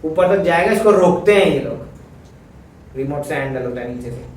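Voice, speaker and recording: A man's voice: on the high side, expressive, normal speed, slight background noise. Joking male teacher in echoey classroom. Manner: chatty, joking, mixes Hindi and English. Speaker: physics teacher. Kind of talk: classroom lecture. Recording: echoey classroom, mic far off.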